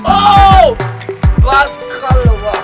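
A man with a Nigerian accent playing a loud, mocking village drunkard in a film. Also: very high voice, big pitch swings, drawn-out words, full character voice. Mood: drunken mocking. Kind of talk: film acting. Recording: music playing behind.

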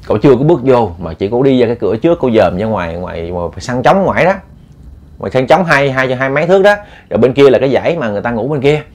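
A man's voice: mid-range voice, very animated, fast, darkish tone. A man narrating a ghost story in a colloquial, meandering way, often repeating words.

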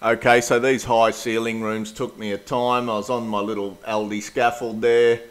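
A middle-aged Australian man talks through a house renovation in a relaxed vlog. His delivery is practical and plain-spoken. His pitch sits in a middle range. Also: normal speed. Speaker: DIY renovator. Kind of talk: casual renovation vlog narration.

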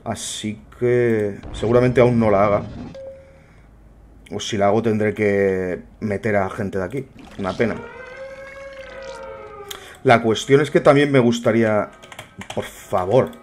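A man's voice: on the low side, measured pace, pauses often, a little mellow, slight background noise. A young man muttering wry commentary to himself while playing a game. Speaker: gameplay streamer. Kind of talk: casual gameplay commentary.

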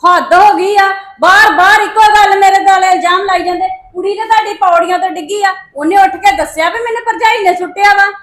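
A woman acts out a young wife in a homemade family drama, high-pitched and defensive. She pleads and argues back against blame. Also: fairly quick, fairly bright tone. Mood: indignant. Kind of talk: amateur family drama acting.

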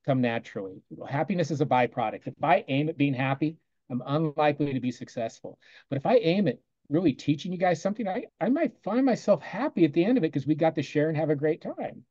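A man on a video call walks through a lesson he taught, talking casually and quoting what he told his students. His voice is mellow and relaxed at a middling pitch. The sound is dry and slightly muffled. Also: fairly quick, no echo. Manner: conversational, quotes himself often with "I go", soft asides. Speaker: teacher presenting a lesson.

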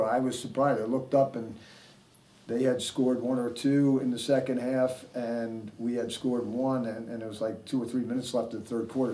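A man's voice: mid-range voice, mellow, far from the mic. An older man, a head coach, answering press questions after a game, rambling with many fillers and restarts. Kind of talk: postgame press conference answers. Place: press room with sponsor backdrop, seated at table. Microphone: table mic, heard from a distance.

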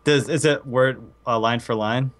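A man's voice: medium pitch, fairly even intonation, a little slow, a bit bright. A man chatting casually with a friend on a live stream, laid-back and joking.

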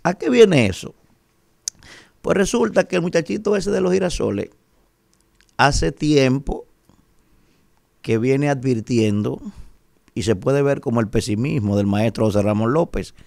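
A man's voice: mid-range voice, animated, measured pace, gravelly, pauses often, a little mellow, no echo, studio quality. A man in his forties with a Dominican Spanish accent, giving emphatic, rhetorical opinion commentary on the radio and asking "¿verdad?" again and again. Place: radio studio, indoors. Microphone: studio mic on a boom arm.

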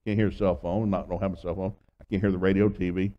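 A man in his sixties preaching as a guest minister, telling homespun stories with acted-out dialogue and swinging between loud and hushed delivery. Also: low-pitched, little pitch movement, quick pace, highs cut off. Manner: folksy storytelling with acted dialogue. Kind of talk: sermon.

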